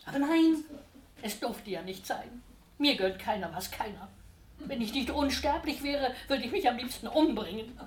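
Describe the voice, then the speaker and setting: A woman's voice: expressive, normal speed, echoey room, slight background noise, natural voice. A woman voicing a scheming, fawning male Devil who talks like a wheedling salesman, in a read-aloud story. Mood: self-pitying. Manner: wheedling, theatrical, swings between whining and eager pitching.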